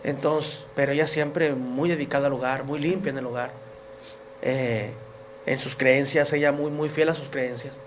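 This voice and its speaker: A man's voice: mid-range voice, steady tone, normal speed, a little hiss or hum. A man giving his personal faith testimony as a podcast guest, telling his story in an earnest, emotional way.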